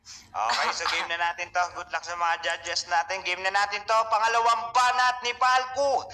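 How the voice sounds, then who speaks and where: A man's voice: high voice, steady tone, normal speed, sharp tone, echoey room, far from the mic. A man hosting an online rap battle, hyping the crowd and counting down the rounds. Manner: hyped announcer, counts down rounds. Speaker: host.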